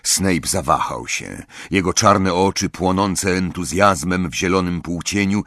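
A man reading a story aloud as an audiobook narrator, with expressive storytelling delivery. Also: low-pitched, a little slow, dry recording, clean studio sound. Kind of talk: scripted narration.

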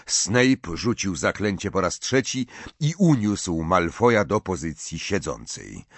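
A man narrating an audiobook in an expressive, tense storytelling manner. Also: sits low, a little slow, dry recording.

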